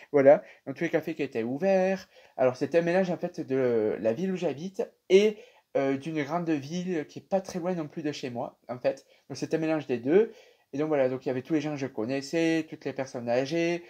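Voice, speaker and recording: Chatty young Frenchman telling a dream. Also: on the high side. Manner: animated, chatty, many fillers. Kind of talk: casual storytelling to camera.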